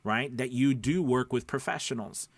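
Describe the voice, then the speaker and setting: A voice-over coach who owns a platform gives an informal instructional talk in a mid-range voice at normal speed, with no room sound. He is emphatic, repeats his points, and often checks in with his listeners.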